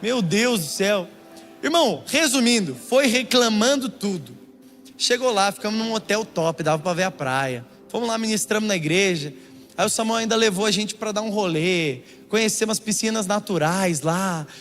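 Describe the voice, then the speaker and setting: A young pastor from Brazil with a high voice, preaching through a comic story in an animated way. His words ring out in a church hall with long reverb. Soft music plays underneath. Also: moderate pace. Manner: animated, keeps calling the listener brother. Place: church auditorium.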